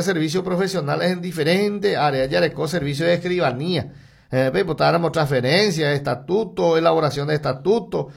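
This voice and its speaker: Sing-song ad reads come from a gravelly Paraguayan male announcer with a high-set voice. Reading local ads on live radio, he mixes Guarani into his Paraguayan Spanish and lists items fast, his pitch and loudness swinging.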